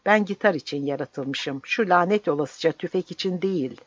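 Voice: moderate pace, breathy edge, no echo, highs cut off, lightly acted. A reader playing a timid young soldier who mutters in disgust at the war. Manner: muttering, low and shaken.

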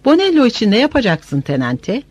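A man's voice: extremely high pitch, wildly swooping pitch, fairly quick, breathy edge, dry recording, voice pushed up, heavily acted. A man voicing a weary, doubtful soldier. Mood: worried. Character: weary, doubtful male soldier driver, blunt. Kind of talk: audiobook character voice.

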